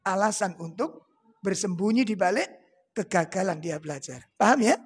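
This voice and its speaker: A man's voice: sits high, animated, moderate pace, husky. A man preaching a religious lecture in a Javanese accent, joking and asking the audience rhetorical questions.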